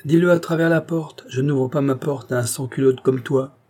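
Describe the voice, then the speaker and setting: A man's voice: mid-range voice, steady tone, moderate pace, mellow, pitched above the performer's own voice, close to an everyday voice. A man reading aloud voices a crotchety old spinster aunt who scolds and curses her nephew. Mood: gruff scorn. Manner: scolding, cursing shrilly.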